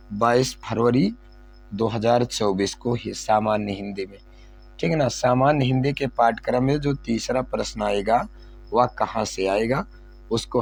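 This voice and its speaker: A man's voice: mid-range voice, a little mellow, breathy edge. A male teacher going over an exam syllabus, repeating key points and asking questions he then answers himself. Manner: repetitive, asks and answers own questions.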